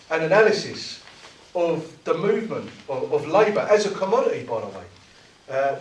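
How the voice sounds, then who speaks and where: A trade union activist from South East London gives a fervent, impassioned political speech, frequently stumbling, restarting and repeating words to drive his point home. His voice is a little high for a man, picked up from a distance in a roomy meeting hall with slight background noise.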